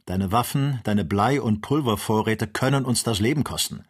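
A resolute older doctor leading an expedition in an audiobook, earnest and commanding, voiced by a man. His voice is low and husky. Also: normal speed. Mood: grave. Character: calm resolute older male explorer doctor.

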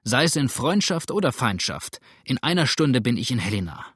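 A man's voice: medium pitch, sing-song, normal speed, a bit bright, slightly rough, dry recording, clean studio sound. A man voicing a bold young backwoods farmer who speaks firmly and plainly, in an audiobook reading. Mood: defiant.

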